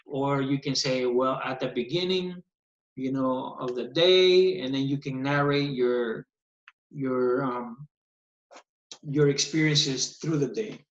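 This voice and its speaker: A medium-pitched male teacher takes his time giving an online English lesson, patiently explaining each step. A screen recording of the video call caught his voice through a computer microphone, and the audio is dull and echoey.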